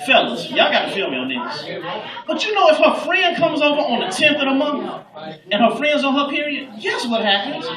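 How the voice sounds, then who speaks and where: A man's voice: very high voice, sing-song, brisk. A man performing a stand-up set to a live audience, talking casually and playfully working the crowd. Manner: conversational, playful crowd work. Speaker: stand-up comedian. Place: club stage before a live audience. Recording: roomy club audio from a distance with audience noise.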